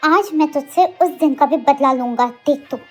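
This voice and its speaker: A woman's voice: high-pitched, normal speed, faint music behind, pitched below the performer's own voice, close to an everyday voice. A woman voicing a hot-headed, jealous young man who threatens and protects in a dramatized story reading. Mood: furious. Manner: threatening, blunt.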